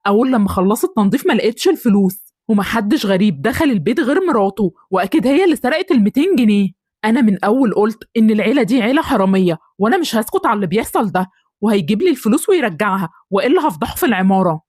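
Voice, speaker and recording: A woman with an Egyptian accent voicing an angry middle-aged man who is a bullying neighbor in an animated story, scornful and threatening. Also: mid-range voice, dry recording, clean studio sound. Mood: furious. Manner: shouting threats, fast and scornful.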